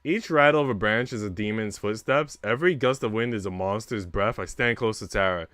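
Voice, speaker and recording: A young livestream host chats casually into a close mic, slangy and swearing. His voice is lowish, brisk and a bit bright, in a dry recording.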